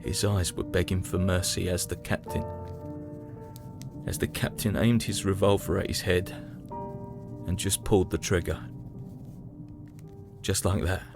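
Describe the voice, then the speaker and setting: A man plays a young, weary British soldier in the 1917 trenches, using a low, haunted voice. He delivers first-person diary narration for an audio drama in a somber, reflective, dramatic manner, with dramatic music behind him.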